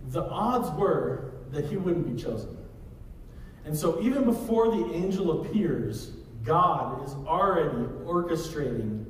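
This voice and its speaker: Thirties male pastor, slightly higher voice, casual sermon delivery, roomy faint hiss. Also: darkish tone. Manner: conversational preaching, walks the stage gesturing. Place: large church sanctuary. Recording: echoey hall from far off.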